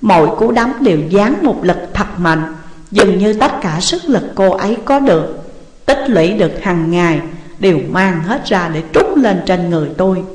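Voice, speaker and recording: A woman reading a novel aloud as audiobook narrator, in steady, measured storytelling. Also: medium pitch. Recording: roomy with long reverb.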